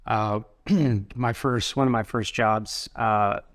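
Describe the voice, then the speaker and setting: A middle-aged man from Colorado, a university president, talking through an interview in a thoughtful, halting way with many restarts. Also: fairly low pitch, level tone, a bit bright, smooth, dry recording, clean studio sound. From Colorado, USA. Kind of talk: casual interview conversation.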